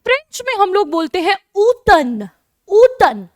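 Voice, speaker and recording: A woman with an Indian accent teaches French to kids, her voice sitting very high. She drills each word slowly, saying it again and again. The sound is dry and close, with no room around her. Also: big pitch swings, no room sound. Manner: addresses pupils as kids, explains patiently. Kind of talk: online lesson in Hindi.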